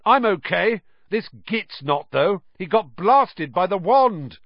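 A man's voice: high-pitched, lively intonation, takes it slowly, no echo, pitched above the performer's own voice, exaggerated voice. A man voicing a frightened young boy who sounds strained and desperate. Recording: slightly dull dry recording.

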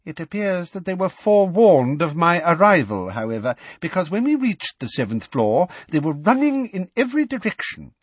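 A man's voice: sits high, very animated, normal speed, hardly any pauses, husky, no echo, voice pushed up, full character voice. Umbridge, a sickly-sweet woman official, read by a man. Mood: flustered. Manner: coaxing, falsely sweet. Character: sugary, cruel middle-aged woman official.

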